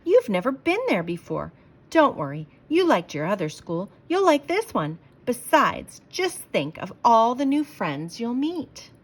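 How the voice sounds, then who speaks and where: Woman voicing a coaxing, firm storybook husband, animated. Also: fairly high pitch, measured pace, husky, voice pushed up, full character voice. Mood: coaxing, cheery. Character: coaxing, affectionate man, patient but firm. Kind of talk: children's storybook read-aloud.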